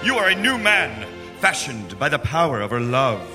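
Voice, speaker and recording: A man's voice: medium pitch, very animated, normal speed, over loud music, lightly acted. An actor playing a male companion who narrates the scene wryly on a live stage. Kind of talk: live stage comedy performance.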